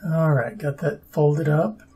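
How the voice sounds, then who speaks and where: A man's voice: a little high, flat delivery, a little slow, dark tone, husky. A man narrating his own papercraft build in a casual, dry, sarcastic and self-deprecating way. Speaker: papercraft hobbyist.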